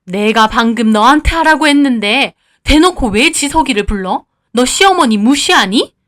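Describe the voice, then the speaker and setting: A woman voicing an older, quick-tempered mother-in-law who scolds and sneers. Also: sits high, animated, fairly bright tone. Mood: scolding.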